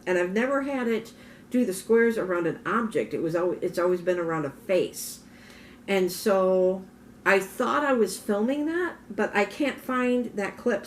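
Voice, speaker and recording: Woman, from Minnesota, casual vlog, rambling self-corrections, morning voice, faint background noise. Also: medium pitch. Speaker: vlogger. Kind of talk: casual talking-head vlog.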